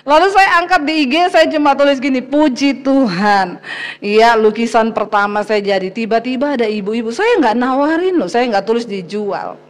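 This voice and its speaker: A woman pastor preaching a sermon as a lively personal story, speaking straight to the congregation and laughing often. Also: a little high, moderate pace. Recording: long hall reverb.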